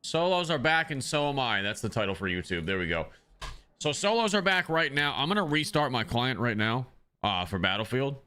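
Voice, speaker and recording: With big pitch swings and a sharp yet smooth tone, a man in the mid range talks a little fast during a casual livestream chat. He rambles to his viewers with many ums into a desk mic, all while hiccuping.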